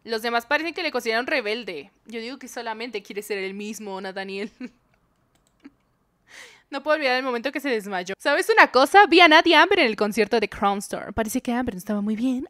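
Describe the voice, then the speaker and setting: A woman's voice: fairly high pitch, fairly bright tone, no echo, studio quality. A young woman, streaming a dating game, reading its dialogue aloud and joking with her chat. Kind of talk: live game commentary.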